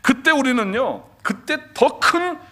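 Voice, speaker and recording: A man preaching a Sunday sermon as pastor, asking the congregation questions and moving between loud declarations and soft, near-whispered asides. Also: very high-pitched, expressive, slow. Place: church sanctuary.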